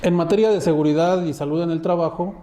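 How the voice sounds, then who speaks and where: A man's voice: on the high side, fairly even intonation, fast, warm tone, roomy sound, a little hiss or hum. A man co-hosting a webinar, chiming in with short agreements and posing reflective questions in a conversational way. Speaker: webinar co-host.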